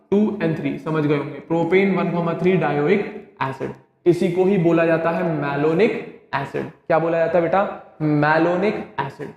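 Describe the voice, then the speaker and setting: A male chemistry teacher, lecturing an online class. He keeps asking students if things are clear and answers his own questions. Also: on the high side, darkish tone, lo-fi sound. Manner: drilling, asks questions and answers them himself. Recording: very echoey classroom with long reverb.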